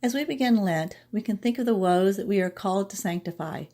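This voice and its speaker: Measured woman reading a devotional script. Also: mid-range voice, expressive, dark tone. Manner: measured, reads poetry slowly and deliberately. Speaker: professor presenting a short devotional segment.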